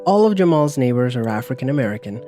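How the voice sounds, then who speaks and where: Man narrating calmly over music. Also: mid-range voice. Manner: calm, measured, explanatory. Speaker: narrator of an explainer video. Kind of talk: scripted narration.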